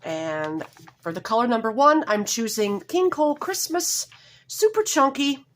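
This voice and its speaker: Slightly hoarse with a cold, a woman walks viewers through knitting step by step from her home, keeping it casual, homey and apologetic. Her fairly high, fairly bright voice is very animated, and she frequently stops to correct herself.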